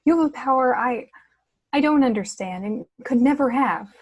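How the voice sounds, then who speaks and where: A woman's voice: high voice, lively intonation, normal speed, dull audio. A woman reading the part of a troubled, tender young princess in a film script table read on a video call. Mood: distressed.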